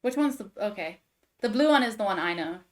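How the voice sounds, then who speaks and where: A woman co-hosting a podcast in casual chat, enthusiastic and quick to joke. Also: mid-range voice, expressive. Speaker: podcast co-host.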